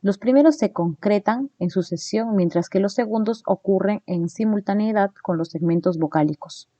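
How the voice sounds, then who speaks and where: A woman teaches a phonetics lesson in a mellow, warm voice. She tags her points with quick checks to her listeners and sounds out examples slowly. The recording is dry and close, with no room sound. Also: mid-range voice, no room sound. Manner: explains slides, checks in with "¿no?"; demonstrates sounds slowly and deliberately.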